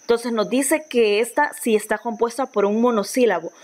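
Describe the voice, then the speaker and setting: A woman's voice: on the high side, normal speed, a little mellow. A Honduran woman teacher giving a recorded grammar lesson, patient, often repeating and restarting phrases as she explains. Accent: Honduran Spanish.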